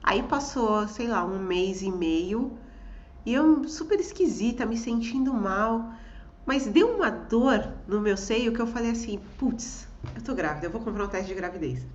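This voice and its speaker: Animated woman telling a story in an echoey room. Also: medium pitch, a little slow, muffled recording. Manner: animated, acts out quoted voices, laughs often. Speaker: guest telling a personal story. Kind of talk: casual storytelling conversation.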